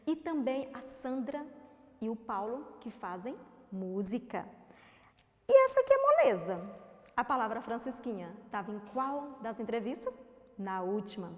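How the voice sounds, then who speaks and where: A woman's voice: on the high side, measured pace, roomy sound, long reverb tail. A woman teacher with a Brazilian accent, giving a lesson to young children and coaxing them with questions. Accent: Brazilian Portuguese. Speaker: primary school teacher. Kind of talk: remote class lesson for children.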